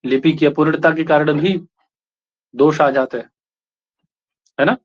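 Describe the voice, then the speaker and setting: A man's voice: fairly high pitch, fairly even intonation, unhurried. Hindi-speaking male teacher, tag questions. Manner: keeps checking in with the class with short tag questions. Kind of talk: classroom lecture. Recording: lo-fi classroom recording.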